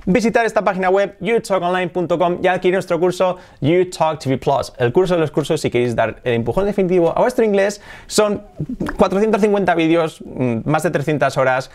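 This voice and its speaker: A man's voice: high voice, brisk. A man whose first language is Spanish, teaching English pronunciation in a playful way, exaggerating sounds and joking with viewers. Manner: playful, exaggerated demonstrations of sounds, frequent laughs; direct address to viewers, lively. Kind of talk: pronunciation lesson for a video channel.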